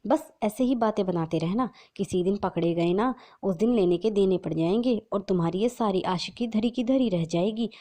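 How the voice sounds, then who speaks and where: A woman's voice: mid-range voice, moderate pace, hardly any pauses, dark tone, close to an everyday voice. A woman voicing a scheming young daughter-in-law with an impatient, scolding manner. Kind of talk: storybook narration.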